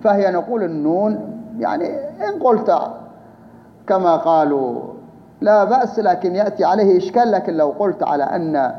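A man leads a grammar class, his voice sitting a little high. He breaks each rule down step by step and keeps asking his students questions. The recording is dull and lo-fi, with a long hall reverb and faint background noise. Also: expressive, brisk. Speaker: Arabic grammar teacher.

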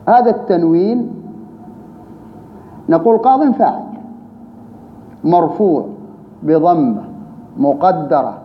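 A high-pitched man teaches grammar, explaining patiently in an animated but slow delivery with long pauses. He repeats key terms and poses rhetorical questions. The audio is dull and lo-fi, with long room reverb and a faint hiss.

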